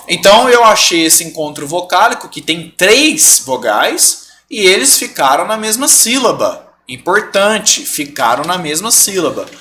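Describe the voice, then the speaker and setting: A Brazilian man teaches a live online grammar class, stretching out example words and constantly checking that his students follow. His voice is high and bright, and his pitch swings widely as he explains. A faint hiss of room noise sits behind him. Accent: Brazilian Portuguese. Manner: explains step by step, keeps checking in with "tá bom?".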